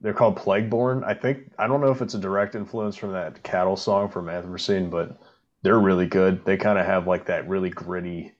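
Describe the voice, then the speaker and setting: A man's voice: deep voice, flat delivery, brisk, lo-fi sound. A man in casual podcast chat, laid-back and hesitant, with many fillers.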